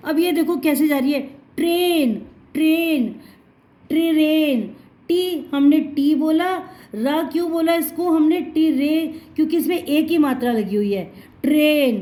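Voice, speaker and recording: High-voiced woman teaching a spelling lesson. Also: warm tone. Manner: patient, sounds out syllables slowly and repeats words; calls the listener "child" affectionately. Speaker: Hindi teacher. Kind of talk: spoken lesson for children.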